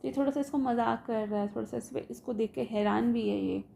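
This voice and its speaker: Female English teacher walking students through a text; mellow, gravelly, a touch high. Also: steady tone, fairly quick, a little hiss or hum. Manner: explanatory, repeats ideas in simple words. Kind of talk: line-by-line explanation.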